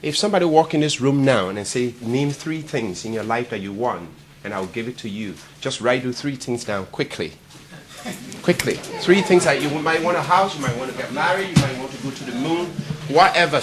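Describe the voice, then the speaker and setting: A man from Liberia giving a charity presentation in a meeting room, animated and quizzing his audience. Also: medium pitch, brisk. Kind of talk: speech to a networking event.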